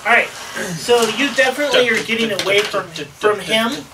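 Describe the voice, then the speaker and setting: A game master narrating a tabletop game in a relaxed way, with fillers and frequent laughs. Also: medium pitch, a little fast. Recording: distant mic with hiss.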